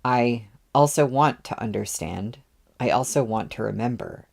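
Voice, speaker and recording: A man's voice: medium pitch, moderate pace, gravelly, darkish tone. A man reading aloud, voicing a remorseful young man who speaks in short, faltering sentences. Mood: tearful, halting. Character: broken, remorseful young man, halting and tearful. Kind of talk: audiobook readalong.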